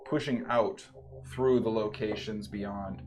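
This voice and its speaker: A man running a tabletop game as game master, laid-back and quick with rulings. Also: fairly low pitch, steady tone, background noise.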